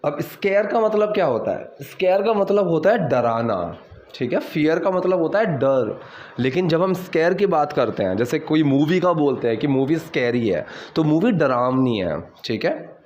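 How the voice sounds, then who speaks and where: Male language tutor, brisk explanations, slow deliberate readings, echoey lo-fi room. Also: fairly high pitch, animated, a little mellow. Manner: explains quickly, then reads English lines slowly and deliberately. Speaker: English teacher. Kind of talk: bilingual language lesson. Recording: roomy, slightly dull home recording.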